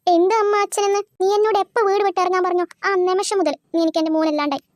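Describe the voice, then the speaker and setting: A woman's voice: very high-pitched, rapid-fire, darkish tone, no echo, clean studio sound. A woman voicing a bossy, self-pitying old mother-in-law in a cartoon, scolding and sarcastic as she complains. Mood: angry. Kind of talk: cartoon voice acting.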